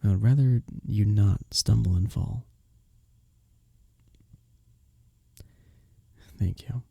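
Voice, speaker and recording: A man voices a polite, lovestruck young innkeeper from a village in a close romantic fantasy roleplay, his formal, shy phrasing delivered soft and breathy. The voice is fairly low, gravelly and slightly rough, at normal speed, and the mood is gently attentive.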